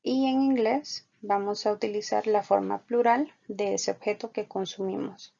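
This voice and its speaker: A woman teaching an online English lesson, explaining patiently and repeating example sentences slowly. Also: mid-range voice, steady tone, creaky, dark tone. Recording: dull lo-fi recording.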